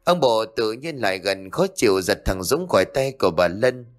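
A man's voice: fairly low pitch, big pitch swings, normal speed. A man narrating a ghost story expressively.

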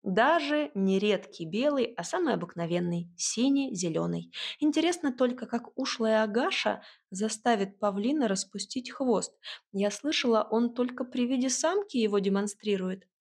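Woman reading a fairy tale out loud, wry and lively, kinda husky voice. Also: on the high side, moderate pace. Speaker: audiobook narrator. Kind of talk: first-person fairy-tale narration.

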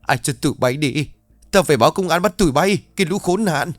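A man voicing a frantic young woman who shouts and struggles in an audio ghost story. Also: expressive, fast, no echo. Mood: furious. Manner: shrill, shouting.

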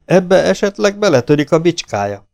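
A man's voice: high voice, big pitch swings, creaky, darkish tone, pitched above the performer's own voice, heavily acted. A man voicing a cocky, self-assured outlaw gunslinger who taunts his opponents. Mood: mocking. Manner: mocking, self-assured and teasing.

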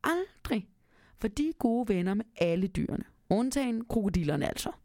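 A woman voicing a kindly old grandfather in a storybook reading, calmly telling tall tales to his grandson. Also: medium pitch, gravelly, no room sound, studio quality, voice pushed up. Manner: calm, storytelling, reassuring.

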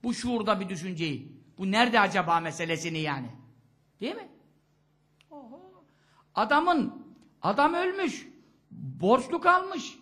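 A man's voice: high voice, unhurried, pauses often. A male preacher giving a sermon talk, telling stories with rhetorical questions. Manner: expressive storytelling, rhetorical questions.

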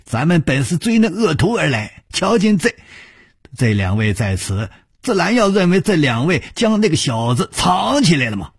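A man voicing a sneering, villainous old beggar martial artist with a high, cackling delivery. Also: sing-song, normal speed, slightly rough, no echo, clean studio sound, exaggerated voice. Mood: cowed. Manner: cackling, wheedling, higher pitched.

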